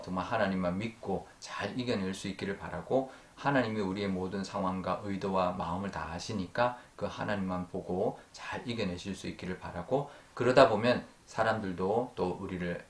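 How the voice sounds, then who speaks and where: A male pastor giving an earnest early-morning sermon. He fills his pauses with drawn-out sounds and lets sentence ends fade softly. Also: deep voice, roomy sound. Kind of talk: dawn prayer sermon. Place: church sanctuary.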